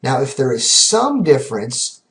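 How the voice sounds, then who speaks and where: A man teaching a recorded chemistry lesson in a relaxed way, counting aloud slowly and often checking in with "okay?". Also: mid-range voice.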